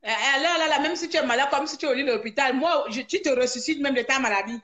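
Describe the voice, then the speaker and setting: Woman, high-pitched, indignant, live-stream host lecturing viewers. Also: quick pace, fairly bright tone. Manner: indignant, scolding, repeats herself with rhetorical questions. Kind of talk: heated live-stream rant.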